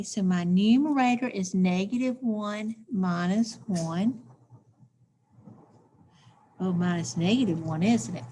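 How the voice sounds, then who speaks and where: A woman's voice: on the low side, dark tone, a little hiss or hum. A woman teacher, walking through math steps aloud in a recorded lesson and checking in with "okay?".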